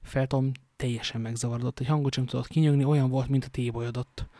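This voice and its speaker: A man's voice: mid-range voice, steady tone, mellow, no echo. Man reading a novel aloud, dry sound. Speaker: audiobook narrator.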